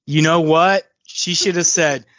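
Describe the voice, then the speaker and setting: A man's voice: a little high, fairly even intonation, measured pace, fairly bright tone, no echo. A man hosting a podcast, chatting casually over a video call and bantering in a joking, self-mocking way. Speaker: podcast host. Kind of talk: casual chat. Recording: muffled lo-fi video call audio.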